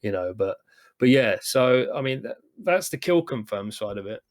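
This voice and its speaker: A man's voice: medium pitch, animated, normal speed. A British man hosting a podcast, rambling casually with lots of "you know" and restarts. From United Kingdom. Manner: rambling, many fillers and restarts. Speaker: podcast host. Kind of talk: casual chat.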